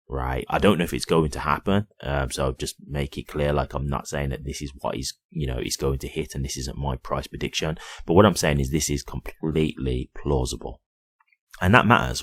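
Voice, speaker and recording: A crypto YouTuber with a bass voice talks casually and unscripted straight to his viewers, keeping it conversational and repeatedly checking in with "right?" The sound is clean studio quality with no room sound.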